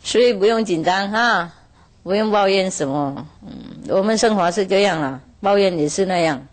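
A woman's voice: mid-range voice, moderate pace, background noise. A woman telling a moral parable in a chatty way, laughing often and drawing out her filler words.

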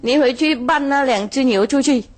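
A woman voicing a calm, wise old male spiritual master who gives unhurried, matter-of-fact advice. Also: high voice.

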